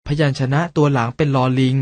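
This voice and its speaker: Man slowly reading a children's lesson. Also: medium pitch, steady tone, a little mellow, no room sound. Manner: slow, careful word-by-word reading aloud. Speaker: teacher. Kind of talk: scripted children's lesson narration.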